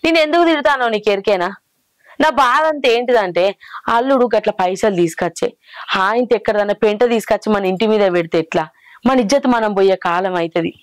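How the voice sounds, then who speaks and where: A woman's voice: mid-range voice, expressive, fast, no room sound, lightly acted. A middle-aged woman playing a stern village mother who scolds her son-in-law. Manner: scolding, indignant. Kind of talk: village short film acting.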